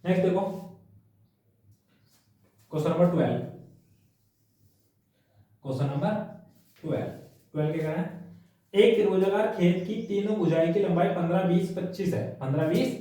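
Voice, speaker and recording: A high-pitched male maths teacher with a mellow, dark tone. He talks each step through aloud, firing rhetorical questions at his students. The sound is very echoey, as if the mic sat some way off in a bare room. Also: normal speed, pauses often, recorded from a distance. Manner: habitual "है ना" and "ठीक है भैया" tags. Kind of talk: worked-problem maths lesson.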